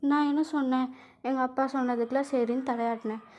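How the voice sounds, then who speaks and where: A woman voicing a calm, teasing young man in a spoken fan-fiction story, talking low-key and soft. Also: quick pace, muffled recording, natural voice. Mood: subdued.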